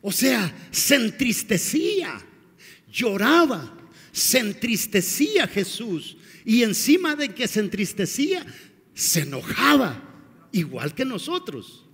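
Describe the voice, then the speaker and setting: A man preaching with a high, husky voice, his sermon rising and falling dramatically as he throws rhetorical questions at the congregation. His words ring out with a long reverb across a large church hall. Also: very animated, slow pace, a bit bright. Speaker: pastor.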